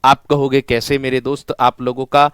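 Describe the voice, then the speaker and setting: A man teaches an online exam-prep class with a clear, smooth voice. He repeats every point, keeps asking his students questions and answers them himself, and keeps calling them his friends. The sound is dry, close and free of room echo. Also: mid-range voice, little pitch movement, moderate pace. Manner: repetitive call-and-response questioning, addressing students as friend.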